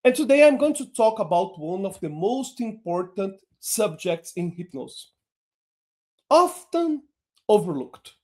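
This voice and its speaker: In this online class, a male hypnosis instructor whose first language is Portuguese takes a slow, deliberate pace. His pitch rises and falls in a lively way throughout.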